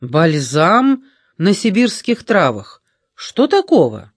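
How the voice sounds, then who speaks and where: A man's voice: high-pitched, wildly swooping pitch, takes it slowly, no echo, studio quality, exaggerated voice. Man reading a scornful angry old woman. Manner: scornful, indignant outbursts. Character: angry frightened old woman, sharp-tongued. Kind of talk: audiobook character reading.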